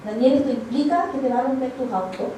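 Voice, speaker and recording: A Chilean woman giving a personal testimony at church, telling her story in a lively way and acting out the dialogue. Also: high voice, fast, slight background noise. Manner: animated storytelling, acts out quoted dialogue. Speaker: church speaker. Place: church hall. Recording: very echoey hall, voice far from the mic.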